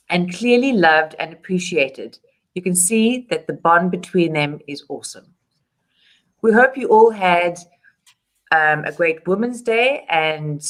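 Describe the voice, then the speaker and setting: A woman presents a charity web show with cheerful, scripted energy. Her voice sits on the lower side for a woman, and she reads her lines with an upbeat lilt. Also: fairly bright tone. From South Africa. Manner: upbeat, reading a prepared script. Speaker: show host.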